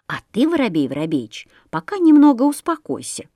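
A woman voicing a good-natured male chimney sweep, who speaks in a calm, reasoning way. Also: on the high side, a little fast, dry recording, studio quality.

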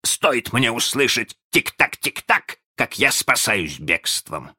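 A man's voice: medium pitch, very animated, slow, sharp tone, husky, pitched above the performer's own voice, exaggerated voice. A man voicing a menacing, proud and hot-tempered male pirate captain in a storybook reading, speaking passionately with barking outbursts. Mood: fretful.

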